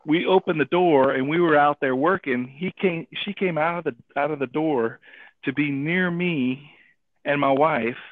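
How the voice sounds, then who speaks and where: A man telling a personal story and drawing a faith lesson from it, animated, acting out the people he quotes and often adding "right?". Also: fairly high pitch, measured pace, dry recording. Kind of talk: casual radio talk. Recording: tinny phone-like radio audio.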